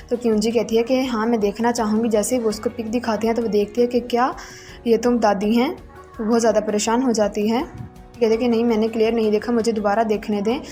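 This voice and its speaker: A fairly high, mellow woman's voice recounting a drama episode. She delivers every character's lines in the same level, flat tone. Faint music plays underneath. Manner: reads every character's lines herself in a plain voice. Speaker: drama recap narrator. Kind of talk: plot recap narration.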